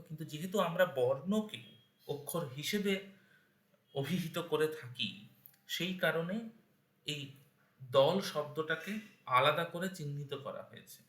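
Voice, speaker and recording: A man's voice: fairly high pitch, pushed and bright, reverberant. A man giving a spoken lesson on verse meter, patiently breaking words into syllables one by one. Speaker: teacher of Bengali verse meter.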